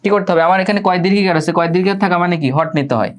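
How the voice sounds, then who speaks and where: A man's voice: high voice, very fast. A man with a Bangladeshi Bengali accent teaching English grammar in an online class. He often repeats words, asks his students questions and corrects their pronunciation patiently.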